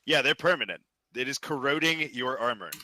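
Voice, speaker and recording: A man's voice: mid-range voice, expressive, brisk, sharp tone. A man running a tabletop game as dungeon master, giving dry rulings and often laughing.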